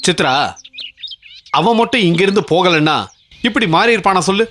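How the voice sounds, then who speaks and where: A middle-aged actor playing a calm father who reassures and comforts his daughter, in a TV serial scene. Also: high-pitched, brisk. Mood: consoling. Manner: consoling, reassuring. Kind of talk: TV serial acting. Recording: distant voice over loud music score.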